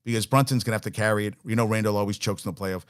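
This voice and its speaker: A man's voice: on the low side, fairly even intonation, rapid-fire, smooth. A man hosting a sports talk show, ranting bluntly and profanely with opinionated swings. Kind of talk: casual opinionated sports rant.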